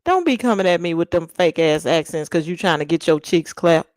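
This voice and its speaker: This livestream host, a young woman from Texas whose accent carries a Louisiana tinge, talks fast and animated with her live audience. Her fairly low, darkish voice comes through without echo as she spins blunt, sassy, slang-filled stories and laughs along.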